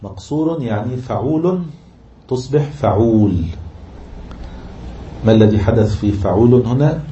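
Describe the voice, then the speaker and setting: A man's voice: mid-range voice, expressive, warm tone, a little hiss or hum. Egyptian man teaching poetic meter, roomy. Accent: Egyptian Arabic. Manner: slow chanting of scansion, explanatory. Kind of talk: Arabic prosody lesson. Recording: roomy, muffled lo-fi recording.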